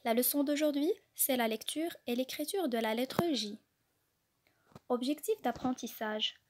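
A woman teaching a reading lesson to young children. Her voice sits a little high, and she moves at an unhurried, deliberate pace. She sounds out letters and syllables one by one. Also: noisy background. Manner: spells out letters and syllables carefully. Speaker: kindergarten teacher.

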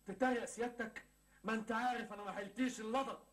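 A sulky young Egyptian man in a TV sitcom, broke, lovesick and full of self-pity. He grumbles in a fairly high voice, and the words come tumbling out very fast. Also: fairly even intonation, a bit bright. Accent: Egyptian Arabic. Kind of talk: 1980s Egyptian TV sitcom acting.

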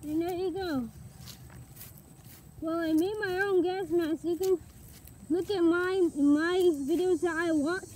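A young woman with a high, dark-toned voice talks through a gas mask, chatty and a little rambling, showing off her project. There is a faint hiss of noise behind her. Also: fairly even intonation, slow, pauses often, rough recording. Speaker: vlogger. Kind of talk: casual vlog.

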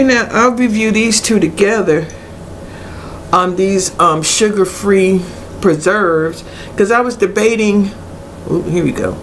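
A middle-aged woman giving a blunt, casual product review in a hesitant way with many pauses. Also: mid-range voice. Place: small cluttered room indoors. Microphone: webcam at arm's length. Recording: noisy webcam recording with room ambience.

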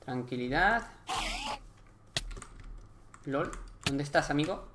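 A young man with a Spain Spanish accent doing live gameplay commentary, chatty and excitable, swearing and joking in slang. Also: fairly high pitch, slow pace, background noise. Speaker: gaming YouTuber.

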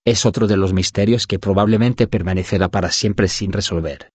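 A man narrating an audiobook in a steady, even reading voice that sometimes reads punctuation aloud. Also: low voice, a little fast, slightly rough, dry recording.

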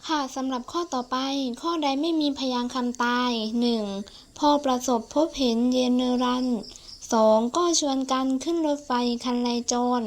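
A woman's voice: high voice, normal speed, slight background noise. A teenage girl explaining exam answers politely and step by step to classmates. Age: teens. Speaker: student tutor. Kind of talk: exam-prep lesson explanation.

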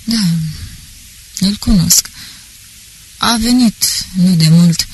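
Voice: medium pitch, breathy edge, poor audio. An audiobook reader voicing a shaken young male student who answers tersely. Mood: subdued. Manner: terse, subdued. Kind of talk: audiobook character reading.

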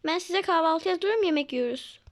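Woman doing a mother figure, bossy, scolding, brisk, high voice, game role-play. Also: expressive. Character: busy mother, bossy and weary. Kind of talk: Toca Life role-play voicing.

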